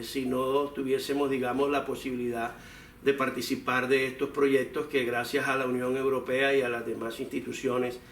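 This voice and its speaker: A man's voice: medium pitch, fairly bright tone. A man speaking as an academic in an interview, explaining discursively with many filler phrases. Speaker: academic researcher being interviewed. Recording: echoey room, distant mic, faint noise.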